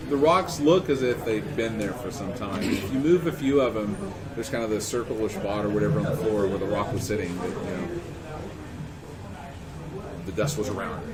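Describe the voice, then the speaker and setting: A man running a tabletop role-playing game, narrating in a halting, informal way with people chattering loudly around him. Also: fairly low pitch. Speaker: game master. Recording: noisy room with crowd chatter.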